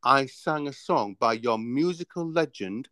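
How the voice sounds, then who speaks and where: Man, radio host, animated pitch, dry sound, playful. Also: a little slow, no echo. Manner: playful, laughing, mimics customers. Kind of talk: casual radio chat.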